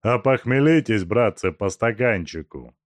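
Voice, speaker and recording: A man reading an audiobook, voicing a brutal, mocking male robber chief in a loud, gruff, taunting voice. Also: fairly low pitch, lively intonation, a little slow, dry recording, voice pushed up. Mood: gruff, brooding. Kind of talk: audiobook character voice.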